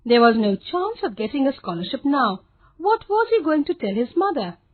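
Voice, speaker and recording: A woman with an Indian English accent reading a textbook story aloud in a clear, expressive, measured way. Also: sits high, narrow, tinny audio. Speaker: textbook audio narrator.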